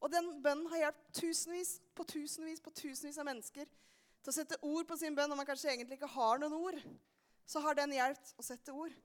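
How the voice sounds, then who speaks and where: A young woman tells a Bible story to a church gathering and turns it into a lively lesson. Her voice sits high, and she keeps drawing the listeners in with questions. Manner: animated, asks the audience questions often. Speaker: children's sermon leader. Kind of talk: lively storytelling sermon for a congregation.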